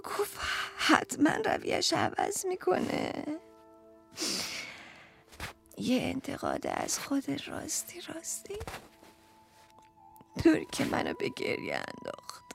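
A woman playing a fed-up, sharp-tongued housewife. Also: sits high, huge pitch swings, vocal fry, soft background music, exaggerated voice. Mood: hushed, tearful. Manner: swings from loud outbursts to whispers. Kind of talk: theatrical monologue.

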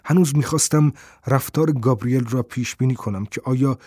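A man narrating a first-person detective novel in a steady storytelling manner. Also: medium pitch, husky, no room sound, studio quality. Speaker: audiobook narrator.

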